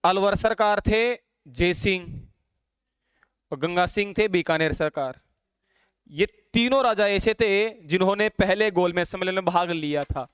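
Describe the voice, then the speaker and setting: A male teacher lectures a class. He quizzes the students, then dictates notes slowly and repeats each phrase. His voice is smooth and resonant, and the sound is dry and close. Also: high voice, fairly bright tone, dry recording.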